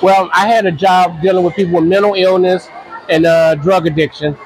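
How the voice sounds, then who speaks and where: A man in his sixties from the United States, answering interview questions in a halting, earnest way with many restarts. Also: high-pitched, fairly even intonation, a little hiss or hum, low-quality recording. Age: 60s. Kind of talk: casual interview.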